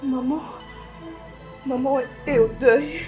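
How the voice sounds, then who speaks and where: A woman's voice: sits high, steady tone, slow pace, over music. A young woman with a Congolese French accent playing an anxious, protective older sister who pleads and repeats herself. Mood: frantic, pleading.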